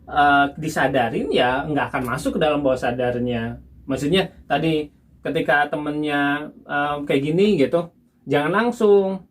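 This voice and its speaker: A young man calmly explaining to his wife in casual conversation, giving examples and laughing now and then. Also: fairly high pitch, unhurried. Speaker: husband teaching his wife. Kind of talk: casual instructional chat.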